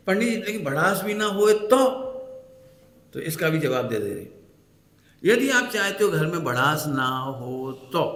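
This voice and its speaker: Man, Jain preacher, storytelling sermon, fairly high voice, echoey hall. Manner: lively storytelling, acting out scolding mother-in-law and child; asks the audience questions often.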